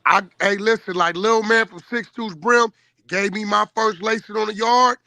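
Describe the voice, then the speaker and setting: High, sharp, forceful man on a call. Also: fairly even intonation, moderate pace, gravelly, no room sound. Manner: emphatic, slangy, insistent. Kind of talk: casual, boastful street talk on a call.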